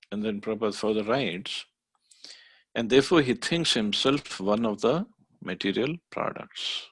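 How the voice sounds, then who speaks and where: A man's voice: fairly low pitch, unhurried, pauses often, a bit bright, breathy edge, no room sound. A man teaching a scripture class, explaining patiently with some hesitant fillers. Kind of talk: scripture study lecture.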